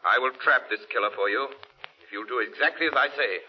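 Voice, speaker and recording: A commanding, ominous crime fighter of the shadows, acted out by a man in 1930s radio style. He speaks deliberately and grimly at a medium pitch, through a dull, aged broadcast recording. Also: husky, natural voice. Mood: grim, assured. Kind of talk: 1930s radio drama acting.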